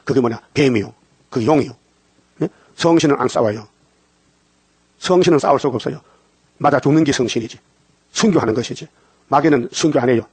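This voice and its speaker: A man's voice: on the high side, husky, dry recording. An older man preaching a dawn sermon, firing questions at the congregation and answering them himself. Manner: call-and-response questions to the congregation.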